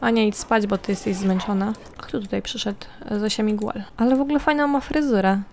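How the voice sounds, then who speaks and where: A woman's voice: medium pitch, brisk, darkish tone. A woman giving casual commentary over a life-simulation game, chatting to her characters and to viewers. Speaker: gameplay commentator. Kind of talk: casual let's-play commentary.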